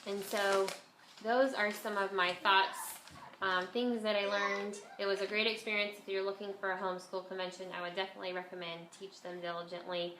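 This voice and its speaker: A woman's voice: medium pitch, flat delivery, fairly quick, sharp tone. Congested woman vlogger, nose-pinched nasal sound. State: has a bit of a cold. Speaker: homeschool vlogger and mother. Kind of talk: casual chat to camera. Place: at home, indoors. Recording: echoey room, faint background noise.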